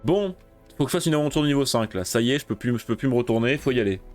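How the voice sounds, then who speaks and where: A man's voice: mid-range voice, animated, racing, soft background music. A man commentating his own game run in casual let's play style, cursing often when things go wrong and muttering while he plans. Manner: swears loudly in frustration, then mutters. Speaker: gaming video creator.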